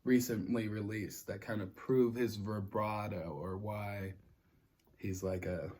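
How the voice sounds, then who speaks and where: A man's voice: fairly low pitch, fairly even intonation, slow, a little mellow. A man hosting a mukbang, chatting casually with a friend. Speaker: host of a mukbang food vlog.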